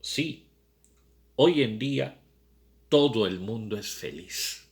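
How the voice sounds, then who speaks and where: A man reading aloud, voicing a brooding young man who longs for freedom, with slow, reflective questions. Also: medium pitch, expressive. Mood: questioning.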